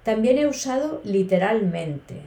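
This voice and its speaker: Woman from spain teaching spanish on a podcast, slow and clear, mellow voice, bit of room echo. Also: mid-range voice, very animated. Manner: slow, clear, teacherly explaining with playful intonation. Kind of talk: podcast lesson.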